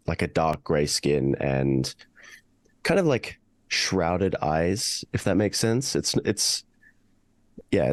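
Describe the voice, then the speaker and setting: A man's voice: low voice, no echo. A man playing a tabletop game, describing his character. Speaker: player.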